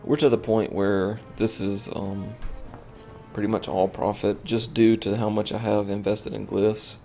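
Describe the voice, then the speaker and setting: A man's voice: on the low side, flat delivery, measured pace, gravelly, a little mellow, faint music behind. A tired man streaming a game, rambling and thinking aloud with lots of fillers as he comments casually.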